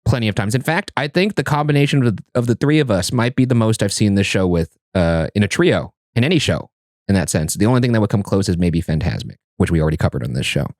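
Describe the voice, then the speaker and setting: A man hosting a podcast from an indoor studio, his voice sitting a little low. He talks casually, with jokey, self-mocking asides. The energy stays loose and animated. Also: fast. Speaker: podcast host.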